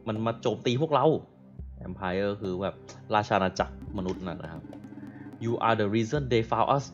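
A man from Thailand on a live game stream, reading dialogue slowly and deliberately, then translating it with polite particles. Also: fairly low pitch, lively intonation. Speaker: gaming streamer. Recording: dull lo-fi stream audio. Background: game music.

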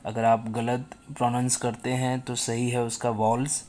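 A man's voice: medium pitch, little pitch movement, normal speed, a little mellow, slight background noise. A man with an Indian English accent teaching a recorded online lesson to children, explaining each point patiently in Hindi and English.

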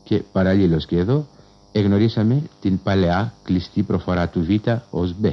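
Very low-voiced guy lecturing on old radio, slow careful formal wording, dull muffled 60s sound. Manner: measured, formal and precise, with old-fashioned learned phrasing. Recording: dull lo-fi 1960s radio broadcast archive.

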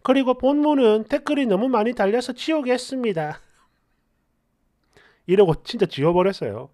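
A woman's voice: a little high, lively intonation, moderate pace, warm tone. A woman reading out online posts and comments with sarcastic, scolding commentary.

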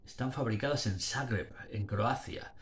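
A man's voice: medium pitch, normal speed. Rambling tipsy man reviewing a beer. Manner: slurred, rambling speech with restarts, playing up drunkenness. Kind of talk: casual video review. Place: small dim room indoors. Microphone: webcam or phone at arm's length.

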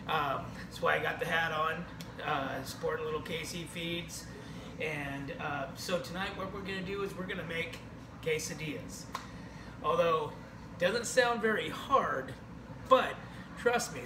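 A man in his forties with a high-pitched voice rambles and jokes through a home cooking demonstration, tagging "okay?" onto his lines. He is recorded from across an echoing kitchen on a distant camera mic. A steady hiss of noise sits under his voice. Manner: jokey, rambling, keeps saying okay. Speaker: home cooking show host. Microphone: camera across the room.

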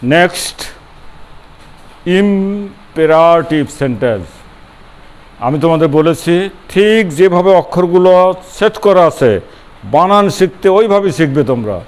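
His voice is on the high side with lively intonation, slow delivery, and long pauses. The older man, once a college principal, lectures students on grammar, emphasizing and repeating key words, splitting them into syllables, and supplying answers to his own questions.

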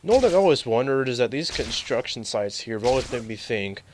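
A man's voice: medium pitch, big pitch swings, quick pace, slight background noise. Sarcastic young man commentating a game. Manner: sarcastic, rambling, reacts loudly to glitches. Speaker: gaming commentator. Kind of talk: live let's play commentary.

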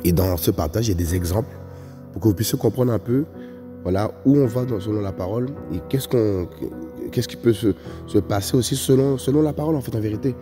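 A man's voice: lowish voice, a little fast. Emphatic man preaching in a reverberant hall. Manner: emphatic, repeats "vous voyez, frères et sœurs". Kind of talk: sermon. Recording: long reverb with faint music.

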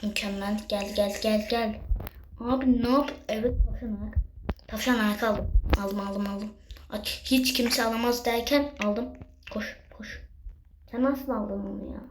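A young woman giving chatty, excitable commentary while playing a game and talking to her viewers. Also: on the high side, unhurried. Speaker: gaming youtuber. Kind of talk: casual gameplay commentary. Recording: echoey room with background noise.

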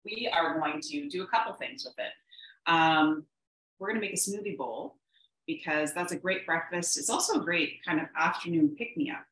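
A woman's voice: lowish voice, expressive, normal speed, a bit bright. A woman presenting a live cooking demo from her home kitchen, chatty and upbeat with frequent ums. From Canada. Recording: roomy kitchen echo.

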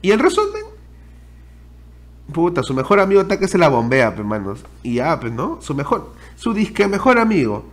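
A young Peruvian man streaming, telling his viewers a story straight to camera. His voice sits a little high and swings widely up and down as he rants. He is loose, slangy and full of swearing. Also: moderate pace. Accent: Peruvian Spanish. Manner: animated, slangy and profane, addresses viewers directly.

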